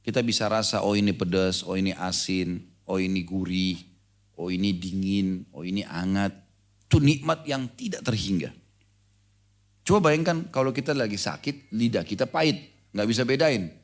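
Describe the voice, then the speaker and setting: A man's voice: lowish voice, lively intonation, normal speed. A middle-aged man giving a live sermon to a congregation in a hall, talking conversationally and quizzing his listeners directly. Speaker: Islamic preacher. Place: lecture hall with a live audience.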